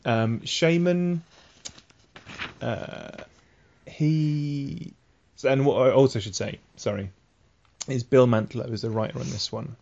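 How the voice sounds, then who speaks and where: A man's voice: medium pitch, slow pace, vocal fry, pauses often, a little mellow, muffled recording. A man hosting a casual podcast chat, patiently explaining the backstory of a comic series. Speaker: podcast host.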